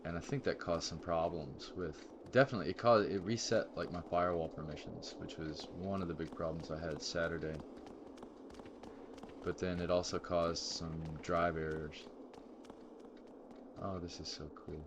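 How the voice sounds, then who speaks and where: A man's voice: low voice, steady tone, a little slow, background noise. A man streaming a game live, rambling casually and thinking aloud with sudden exclamations. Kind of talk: casual gameplay commentary.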